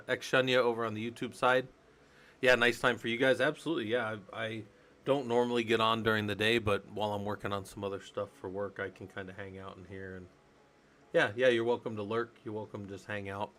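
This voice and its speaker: Bright-voiced man rambling on a live stream. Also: fairly low pitch, little pitch movement, fairly quick. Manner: loose and rambling, thinks aloud, many fillers. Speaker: livestream host. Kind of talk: casual live-stream chat while working.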